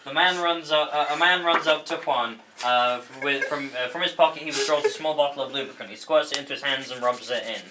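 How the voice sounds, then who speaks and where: This man has a mid-range voice and a brisk delivery with barely a pause. He's reading stage directions at a table read, keeping it loose and stumbling slightly over the words. It's an indoor room that sounds echoey and faintly noisy.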